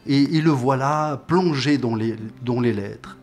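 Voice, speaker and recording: A man hosting an interview, asking questions with frequent filler sounds and quick affirming interjections. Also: mid-range voice. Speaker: interviewer, host.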